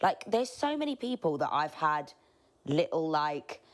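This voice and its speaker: A woman, hosting a podcast and chatting in an expressive, jokey, dramatic way. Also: low voice, a little slow. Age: 20s. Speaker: podcast host. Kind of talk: casual chat.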